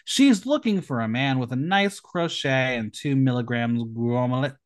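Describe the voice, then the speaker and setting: A man's voice: lively intonation, unhurried. A man hosting a podcast, recapping a TV episode in a campy, sarcastic manner. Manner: campy, sarcastic, with sudden pitch jumps. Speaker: podcast host.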